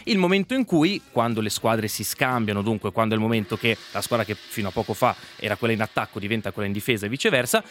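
A man, a guest on a talk show, explaining things in a measured way. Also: on the low side, expressive, a bit bright, soft background music. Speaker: guest commentator. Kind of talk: casual studio chat.

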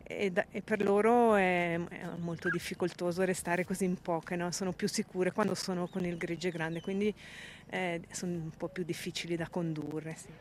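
A woman explaining sheepdog work in a calm, patient way, interviewed outdoors. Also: on the low side, normal speed, slight background noise. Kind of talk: interview answers. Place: outdoors in a field.

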